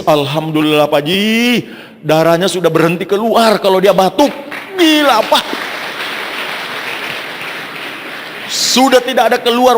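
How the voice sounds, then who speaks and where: A man voicing an excited, grateful male worker calling on the phone, with breathless exclamations. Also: sits high, long reverb tail, slight background noise.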